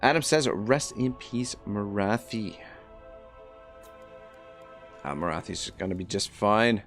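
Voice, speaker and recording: A man with a fairly low voice gives casual game commentary on a livestream. He thinks aloud at a slow, unhurried pace, with faint music behind him. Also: animated, a bit bright.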